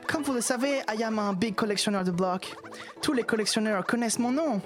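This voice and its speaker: A woman's voice: mid-range voice, moderate pace, faint music behind, natural voice. A woman voicing a snooty male block collector from a video game, speaking French sprinkled with mock-posh English words. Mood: affected, pompous. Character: snooty male block collector, impatient boss of Bowser's world. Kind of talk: reading game dialogue aloud in voices.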